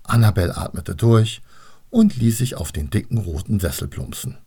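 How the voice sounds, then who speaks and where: A man reading a children's storybook aloud in an expressive way. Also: lowish voice, moderate pace, gravelly, slightly rough. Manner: expressive, lively. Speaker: narrator.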